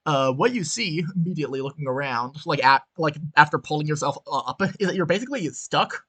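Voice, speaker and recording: A man's voice: on the high side, expressive, brisk, bright, forceful tone, breathy edge. A man narrating a tabletop game as game master, rambling through lots of fillers and restarts.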